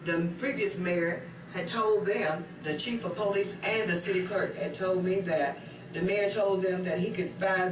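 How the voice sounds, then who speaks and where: A man who is a mayor answering interview questions in a measured, explanatory way with fillers. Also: high voice. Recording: echoey room from far off, noisy.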